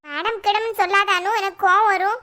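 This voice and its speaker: A woman voicing a defensive, quick-tempered young wife in a cartoon, pleading her case in a Tirunelveli Tamil accent. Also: very high-pitched, fairly even intonation, pushed and bright. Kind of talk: cartoon voice acting.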